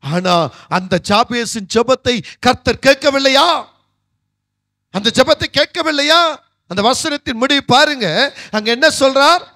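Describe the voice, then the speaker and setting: A middle-aged male pastor, preaching a sermon and rising fervently into loud prayer. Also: very high voice, measured pace, no echo, studio quality. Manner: fervent, climbing loud when praying.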